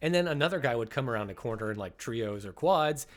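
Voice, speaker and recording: A man's voice: medium pitch, expressive, quick pace. A young man with a congested voice, chatting enthusiastically as host of a gaming video about shotgun damage. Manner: enthusiastic, chatty, laughs at how fun the weapon is. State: congested after illness. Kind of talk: casual game commentary.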